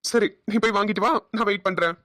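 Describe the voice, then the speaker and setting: Woman playing a protective cartoon husband, rapid banter, dry close sound. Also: mid-range voice, fairly even intonation, a bit bright, no room sound, natural voice. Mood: teasing. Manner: teasing, affectionate ribbing. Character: protective young husband, a joking policeman. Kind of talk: cartoon voice acting.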